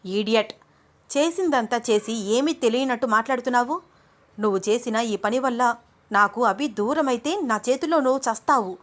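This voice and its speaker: A woman doing a shrill, furious young schemer. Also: moderate pace, close to an everyday voice. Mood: angry. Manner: shouting, scolding. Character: scheming young woman, jealous and hot-tempered.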